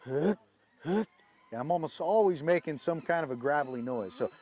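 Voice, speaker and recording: A man's voice: fairly high pitch, animated, moderate pace, a little mellow, faint music behind. A man giving a casual, folksy hands-on lesson as a goose calling instructor.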